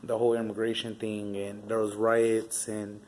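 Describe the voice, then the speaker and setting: Slight background noise and low recording quality surround a young man's fairly low, monotone, darkish voice at a moderate pace. The Southern California vlogger tells stories in a rambling, casual way, cursing freely with many fillers.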